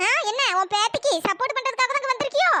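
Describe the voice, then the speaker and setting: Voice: extremely high pitch, rapid-fire, very noisy. A performer voicing a scornful, bossy middle-aged mother-in-law in a cartoon story. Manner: sneering, bossy.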